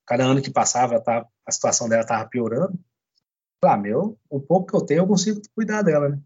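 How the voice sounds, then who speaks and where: Husky man telling a story casually. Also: medium pitch, lo-fi sound. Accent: Brazilian Portuguese. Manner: animated, quotes others in dialogue, frequent "cara" and "né". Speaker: podcast guest, butcher.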